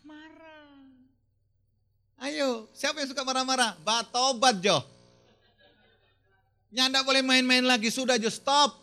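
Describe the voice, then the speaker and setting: A middle-aged male pastor with a high, lively, bright voice gives an animated sermon. He teases the congregation, fires questions at them and slips in regional phrases and English words. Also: a little slow, long pauses, faint music behind. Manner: animated, teasing, mixes in Manado dialect phrases and English words.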